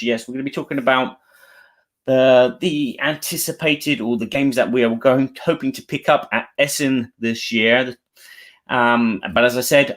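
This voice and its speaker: A man's voice: mid-range voice, a bit bright. A native English-speaking man hosting a casual live stream, chatting to viewers as he introduces the show.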